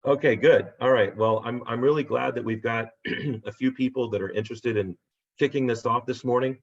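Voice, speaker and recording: A man hosting a real estate agent training on a video call, upbeat and rambling, losing his voice and clearing his throat. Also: mid-range voice, a little fast. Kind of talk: casual video call pep talk. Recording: dull lo-fi video call audio.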